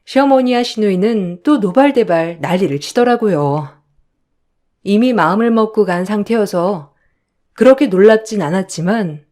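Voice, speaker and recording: A woman reading a listener's story aloud in the first person, in a calm, conversational way. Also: mid-range voice. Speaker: story narrator.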